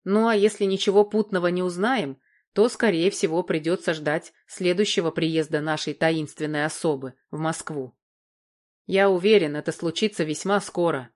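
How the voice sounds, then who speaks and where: A woman reading the part of a protective older man in an audiobook, measured and gently reassuring. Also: fairly low pitch, natural voice.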